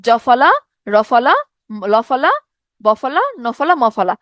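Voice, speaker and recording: High-voiced woman teaching grammar. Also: expressive, slow pace, a bit bright, dry recording, studio quality. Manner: explanatory, asks rhetorical questions, repeats points. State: tired from no sleep. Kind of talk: exam-prep grammar lecture.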